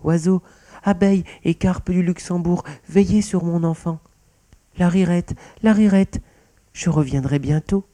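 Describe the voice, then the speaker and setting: A man's voice: high-pitched, a little slow, dark tone, pitched above the performer's own voice. A man voicing a desperate mother mouse in a storybook, crying out her farewells. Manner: wailing farewell cries.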